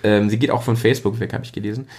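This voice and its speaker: A man's voice: lowish voice, fairly even intonation, racing, darkish tone, husky. A man hosting a casual podcast, rambling with many fillers and self-mocking asides. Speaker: podcast host.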